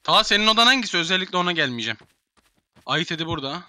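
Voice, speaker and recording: Bright-voiced young man bossing players around. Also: high voice, animated, very fast, no room sound. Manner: bossy, herding players, swearing. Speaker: gamer streamer. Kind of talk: casual game voice chat.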